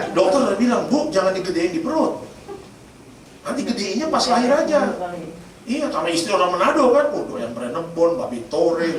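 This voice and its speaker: Male pastor, high-pitched, jokey storyteller; distant mic in a booming hall. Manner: storytelling with humor, addresses congregation as Bapak Ibu. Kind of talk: sermon. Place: church. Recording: echoey church hall from far off, noisy.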